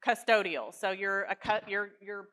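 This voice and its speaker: A woman's voice: mid-range voice, moderate pace, a bit bright, rough recording. A woman hosting a discussion on caregiving, reflective and summarizing what the guest says. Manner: reflective, summarizes and clarifies points. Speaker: host. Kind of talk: casual panel discussion.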